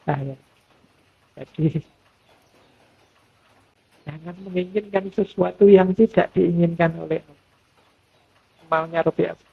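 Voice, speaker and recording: A middle-aged man giving a relaxed, conversational mosque lecture as a philosophy teacher. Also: a little high, slow pace, creaky, long pauses, slightly rough. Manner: relaxed conversational preaching, acts out quoted voices. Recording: thin phone-like lo-fi sound.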